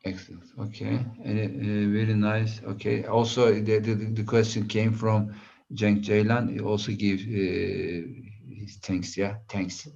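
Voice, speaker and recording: A man chairing an online conference session over a video call, speaking haltingly with many hesitations. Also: fairly low pitch, little pitch movement, vocal fry, darkish tone. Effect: heard over a video call. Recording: dull video-call audio.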